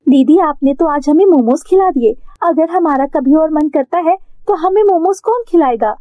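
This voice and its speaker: A woman's voice: high-pitched, animated, normal speed, dry recording, pitched above the performer's own voice. A woman voicing a poor little girl who pleads in an eager, childlike way. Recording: dry, phone-like narrow sound.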